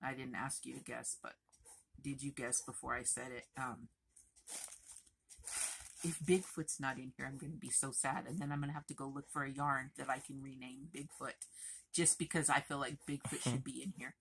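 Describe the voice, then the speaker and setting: A woman crochet vlogger talking in a chatty, rambling, expressive way to her viewers. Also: very deep voice, normal speed, vocal fry, slight background noise. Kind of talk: casual chatty vlog.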